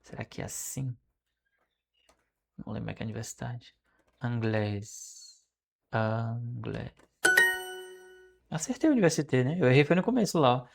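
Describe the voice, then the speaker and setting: A Brazilian Portuguese speaking man studying French aloud, repeating phrases slowly and correcting himself as he goes. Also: medium pitch, lively intonation, gravelly, darkish tone, a little hiss or hum. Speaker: language learner streaming his study. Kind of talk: casual study vlog, thinking aloud.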